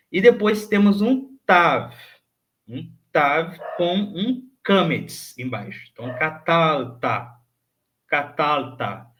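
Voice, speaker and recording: A man teaching a recorded lesson, patiently repeating each word and checking in with his students often. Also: fairly high pitch. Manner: clears throat, thinks aloud with hesitations. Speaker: Hebrew teacher. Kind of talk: recorded online grammar lesson.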